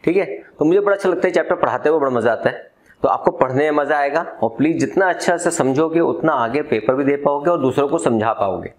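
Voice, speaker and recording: Storytelling teacher, fairly high voice. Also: male voice, fast talker, poor audio. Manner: storytelling, mixing Hindi and English. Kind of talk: classroom lesson.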